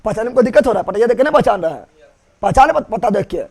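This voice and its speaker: A male teacher fires quick questions at his students and keeps repeating the key terms. His voice sits high for a man and has a gravelly edge. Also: lively intonation. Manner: rapid-fire quizzing, repeating key terms. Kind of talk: classroom-style online lesson.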